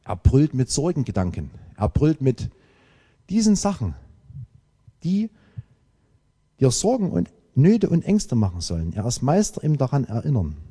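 A man preaching a sermon, emphatic and lively, with dramatic pauses. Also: medium pitch, slightly rough. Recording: long hall reverb.

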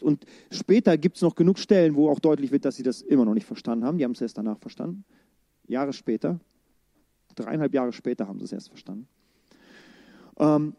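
A man giving a casual, lively sermon, acting out the quoted lines in everyday speech. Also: fairly high pitch, no echo, clean studio sound. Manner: lively, colloquial, acts out quotes. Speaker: preacher.

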